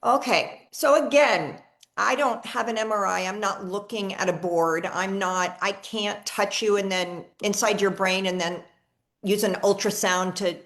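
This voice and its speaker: Chatty woman healer with a gravelly voice. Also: mid-range voice, fairly even intonation, unhurried, a bit bright. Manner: chatty, enthusiastic, repeats and restarts often. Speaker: energy healer. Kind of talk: live online healing session. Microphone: video call.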